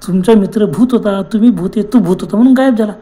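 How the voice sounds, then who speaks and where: Terrified young men, as a woman storyteller acts them out, pleading in a panic. The pitch sits raised above her usual voice, and the tone stays mellow and dark. It is a spoken horror story. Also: fast, lightly acted. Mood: panicked. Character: terrified young men trapped on a runaway bus.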